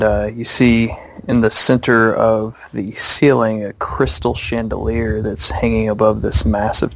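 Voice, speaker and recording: A man narrating a tabletop game as game master, describing scenes with many pauses and fillers. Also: mid-range voice, rough recording.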